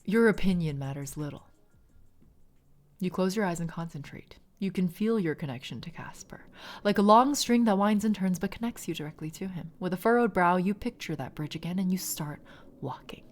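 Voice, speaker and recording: A woman streamer reading a game's second-person narration aloud in a measured, softly dramatic way. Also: on the low side, lively intonation. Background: faint game music.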